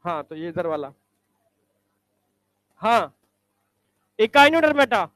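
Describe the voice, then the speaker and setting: A male teacher quizzing students in a classroom, briskly ordering them to stand up and recite examples. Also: high voice, sing-song, a bit bright, no room sound.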